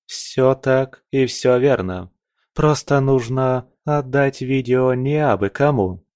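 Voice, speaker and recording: A man's voice: mid-range voice, slow pace, a little mellow, clear, resonant tone, no echo, clean studio sound, voice pushed up, lightly acted. A man voicing a stern young woman agent who gives curt, decisive orders in an audiobook. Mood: firm, commanding.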